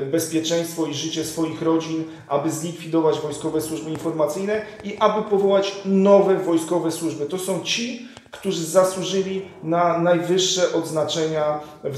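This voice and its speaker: A journalist in his thirties earnestly interviews a guest on politics, with lots of fillers and restarts. His voice is fairly high with a darkish tone. They're indoors in an echoey room with a leather sofa.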